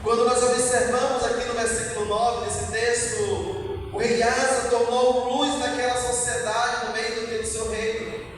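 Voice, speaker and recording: Man, Brazilian Portuguese accent, pastor, fervent sermon, very high voice, slow drawn-out delivery, distant mic, very echoey hall, noisy. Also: flat delivery. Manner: fervent preaching, drawn-out emphatic repetitions.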